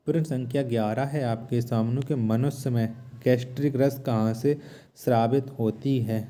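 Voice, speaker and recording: An exam-prep teacher with a mellow, mid-range male voice reads out quiz questions during a lesson. He repeats himself, asking each question again and then restating its answer.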